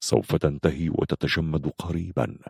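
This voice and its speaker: A man narrating a story in an expressive, dramatic reading style. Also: extremely low pitch, moderate pace, creaky, breathy edge, dry recording, studio quality.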